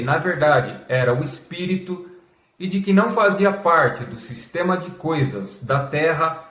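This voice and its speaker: A Brazilian man hosting a scripted explainer in a formal, measured lecturing manner, reading out as if dictating. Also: on the high side, fairly bright tone. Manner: measured, formal reading that announces quotation marks aloud, as if dictating. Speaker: host of a religious history channel. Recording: echoey, reverberant room.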